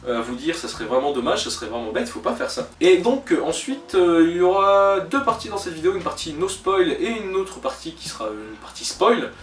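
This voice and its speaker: Brief: man, film reviewer, higher voice, halting with fillers, slightly distant mic in an echoey room, faint music. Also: sing-song. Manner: hesitant, many "euh" fillers and self-corrections; joking asides. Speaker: film reviewer, channel host. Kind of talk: casual spoken film review. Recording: roomy echo, voice a bit off-mic, faint music behind.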